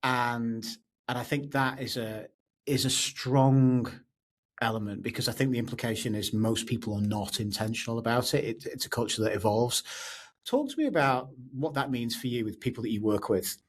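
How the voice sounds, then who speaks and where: Man, mid-pitched voice, friendly podcast host, conversational. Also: normal speed, a little hiss or hum. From northwest of England. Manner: conversational, agreeable, fills with ums. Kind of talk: podcast interview.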